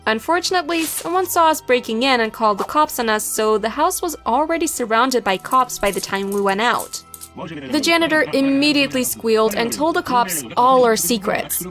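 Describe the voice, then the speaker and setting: A young woman tells an animated story in a lively, scripted narration. Her voice sits a little high, with soft music under it. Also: normal speed.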